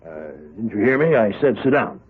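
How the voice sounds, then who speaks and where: On a muffled, tinny old radio broadcast, an actor voices a paternal yet stern prison warden in a radio drama. His fairly low, husky voice has a sing-song lilt at a moderate pace as he lectures heartily and impatiently.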